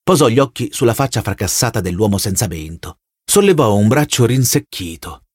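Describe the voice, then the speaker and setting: A man reading a novel aloud as an audiobook narrator, measured and expressive. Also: on the low side, breathy edge, no echo, studio quality. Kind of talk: scripted narration.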